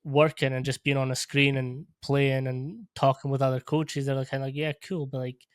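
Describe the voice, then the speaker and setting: A man from Portugal hosting a podcast, speaking in a measured, reflective way and often restarting his phrases. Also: mid-range voice, level tone, clean tone, no room sound, clean studio sound. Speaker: podcast host. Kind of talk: casual interview conversation. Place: podcast studio.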